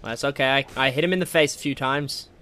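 Talking fast in a bright, forceful, mid-range voice, this man hosts a Let's Play-style gaming video and tosses off joking, slang-heavy remarks to himself. Game music runs underneath his voice.

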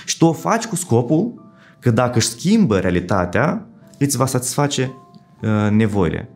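A man speaking as a psychologist guest in an interview, explaining with worked examples and often checking in with a quick "right?". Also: mid-range voice, sing-song, darkish tone, soft background music.

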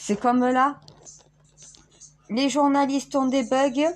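A woman's voice: sits high, steady tone, slow. A French woman talking casually to viewers in a rambling way, with frequent laughs and restarts. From France. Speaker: self-styled spiritual vlogger.

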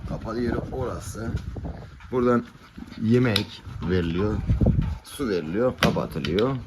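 Lively man in a noisy yard with barking dogs. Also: fairly low pitch, unhurried. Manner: playful scolding, affectionate, swears at dogs. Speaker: dog breeder and vlogger. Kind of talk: casual vlog talking to puppies. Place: outdoor kennel yard with dogs.

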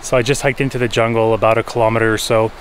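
A man's voice: on the low side, level tone, racing, over loud music. A man in his thirties giving an informal, enthusiastic explanatory nature vlog to a camera held at arm's length out in the jungle. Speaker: wildlife photographer and vlogger. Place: outdoors in jungle, orchard and by a river. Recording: faint outdoor ambient noise.

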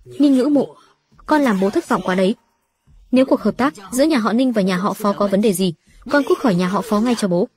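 A woman's voice: medium pitch, a little fast, a little mellow, natural voice. A woman voicing a stern, commanding older male chairman who scolds his daughters.

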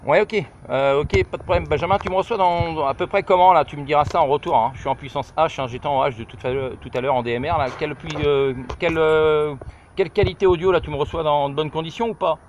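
The audio is dull and noisy, with clicks, taken by a phone camera held just behind the shoulder of a middle-aged amateur radio operator. He is testing a handset on a high viewpoint over countryside, talking fast in a slightly high voice. His informal radio calls include repetition and hesitation.

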